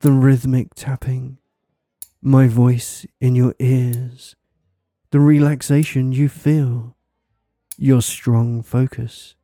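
A man performs a hypnotic ASMR role-play, speaking softly right into your ear. His tone is very dark and velvety, and he moves slowly through suggestive, soothing phrases. The sound is close and dry, with no room around it. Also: mid-range voice, level tone, no room sound. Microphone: close microphone, dry sound.

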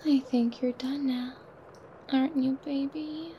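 A woman performing an intimate ASMR roleplay, talking in a soft, breathy whisper with quiet laughs. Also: high-pitched, fairly even intonation, a little slow, lo-fi sound, slight background noise.

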